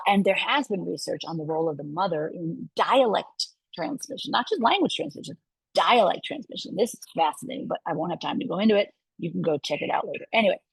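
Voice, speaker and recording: A middle-aged woman giving a university lecture in a lively way, often checking in with her listeners. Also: medium pitch, vocal fry, breathy edge, no room sound, poor audio. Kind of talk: lecture to a live audience.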